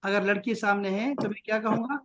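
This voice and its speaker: A man from Pakistan teaching Arabic to children in an online lesson, patiently repeating short phrases slowly and praising often. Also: high-pitched, fairly even intonation, fairly bright tone. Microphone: video call.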